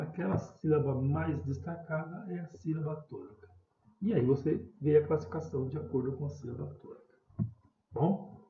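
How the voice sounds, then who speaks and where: A man's voice: fairly high pitch, a little hiss or hum. A man, a primary school teacher explaining a lesson patiently, stretching out example words and calling out stressed syllables. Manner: patient, repeats words slowly, calls out stressed syllables loudly. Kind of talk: recorded remote class explanation. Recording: roomy, dull home recording.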